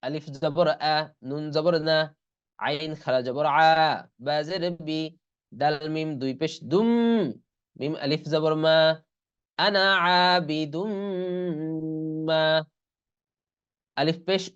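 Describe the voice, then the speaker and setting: In an online class recording, a man with a slightly high, clean-toned voice and fairly even intonation leads a Quran reading lesson. He spells each letter and vowel slowly and deliberately, then stretches out the full word. The sound is lo-fi.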